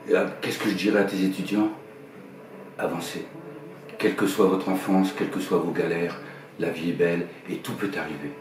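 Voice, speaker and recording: A man in his fifties from northern France, a musician and songwriter, answering interview questions in a quiet, low-key voice that trails off. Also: steady tone, brisk, a little hiss or hum. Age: 50s. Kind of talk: soft-spoken interview answers. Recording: echoey room, heard from a distance, guitar music behind.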